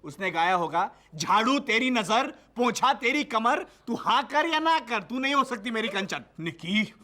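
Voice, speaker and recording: An actor playing a bumbling, boastful young husband in a 1990s sitcom, loud and hammy, stammering when scared. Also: male voice, high-pitched, lively intonation, normal speed, no echo. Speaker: lead comic character.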